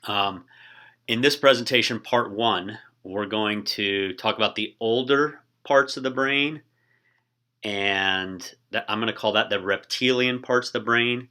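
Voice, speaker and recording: A man teaching a recorded class in a relaxed way, often pausing with ums and uhs. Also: on the low side. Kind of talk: casual classroom lecture.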